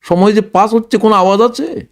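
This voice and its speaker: A man giving a dramatic religious lecture, rising to exclamations and slowing down for quotations. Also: sits high. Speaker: Islamic lecturer, former English teacher.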